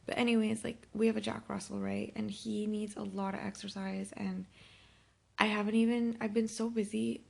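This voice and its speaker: A hungover woman in her thirties talking in a weary, halting, self-reproachful way in a casual confessional vlog, sounding sick. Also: mid-range voice, flat delivery, vocal fry. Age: 30s. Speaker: vlogger. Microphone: phone held by herself.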